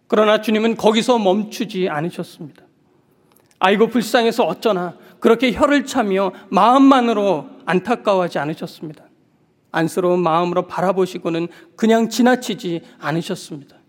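A man preaching a sermon as pastor, earnest and measured with soft pauses. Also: high voice. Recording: long reverb of a large hall.

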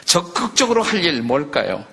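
An older man, a pastor, preaching a sermon in a lively conversational way, acting out quotes and jokes. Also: on the high side, normal speed, vocal fry, breathy edge. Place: church sanctuary. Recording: long church reverb.

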